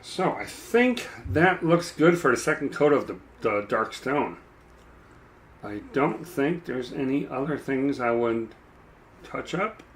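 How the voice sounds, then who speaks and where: A man chatting casually while he paints a miniature, rambling and self-deprecating, with a dry, froggy throat that he keeps clearing. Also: mid-range voice, slight background noise. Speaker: mini painting streamer.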